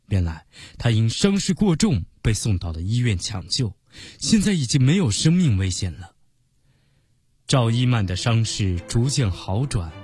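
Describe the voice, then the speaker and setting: A man narrating a story for children in an expressive, animated way. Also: mid-range voice, slightly rough, no room sound, clean studio sound.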